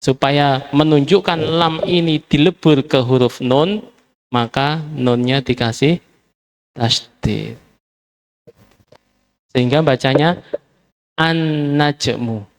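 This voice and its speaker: A man's voice: medium pitch, takes it slowly, pauses often. A man teaching a classroom lesson, patiently drilling words by repeating them. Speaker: Arabic teacher.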